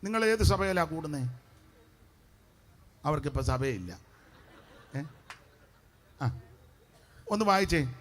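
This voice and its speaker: A middle-aged man preaching a revival crusade sermon as pastor, fiery and shouting praise between chatty asides. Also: a little high, lively intonation, slow pace, pauses often, a little hiss or hum.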